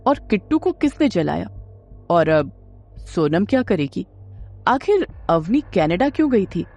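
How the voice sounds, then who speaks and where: A woman narrates a romance audio story in a steady, dramatic reading voice. Her pitch sits in the middle range. Faint background music runs under her words. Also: measured pace.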